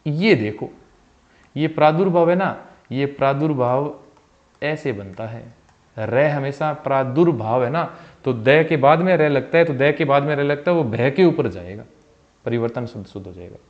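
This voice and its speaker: A man teaching a Hindi exam-prep spelling lesson, repeating each word and its correct form and often dropping his voice softly at the ends of phrases. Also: mid-range voice, lively intonation, moderate pace. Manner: calls viewers "bhai", asks them questions; voice drops soft at the end of phrases. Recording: slightly dull, lo-fi sound.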